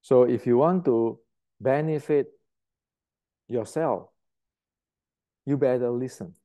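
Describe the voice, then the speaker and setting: A man's voice: mid-range voice, slow pace, dark tone. An older man from Indonesia, giving a blunt, emphatic martial arts lecture to the camera and repeating words as he searches for them.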